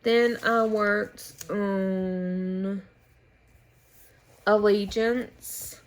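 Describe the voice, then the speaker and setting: An American woman showing her needlework at home in a relaxed, meandering way with pauses and restarts. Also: mid-range voice. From United States. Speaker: flosstube host. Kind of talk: casual show-and-tell chat.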